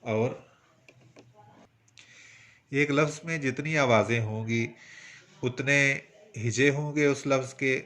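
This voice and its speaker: A man from Pakistan with a Punjabi-tinged Urdu accent teaches a poetry class at a mid-pitched, even register. He speaks patiently and methodically, slowing down to sound out each syllable of a word. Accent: Punjabi-influenced Urdu. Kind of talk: instructional lesson.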